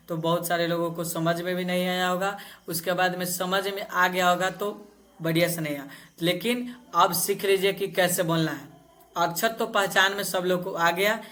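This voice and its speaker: A man teaching Vedic chanting, reciting verses slowly syllable by syllable and breaking off into quick spoken explanations. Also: high voice, sharp tone.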